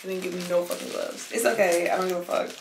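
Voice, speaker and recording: Young woman doing a mukbang, slangy and cussing, gravelly fry, echoey room with faint noise. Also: lowish voice, steady tone, fast talker. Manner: loose, slangy and swearing, chewing between lines. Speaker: vlogger. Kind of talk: casual mukbang chat to camera.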